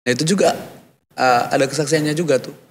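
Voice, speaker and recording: A man's voice: a little high, fast, a little hiss or hum. A man in his thirties telling a personal faith story in casual chat, acting out the voices of people in it. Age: 30s. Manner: lively storyteller, acts out quoted dialogue. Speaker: guest.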